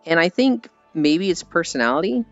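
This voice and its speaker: Streaming live from the United States, this man sounds a little high and very animated, talking at normal speed with a fairly bright tone and no room sound. His chat with viewers is loose and rambling, self-mocking, and peppered with casual swearing. Music plays behind the slightly dull audio.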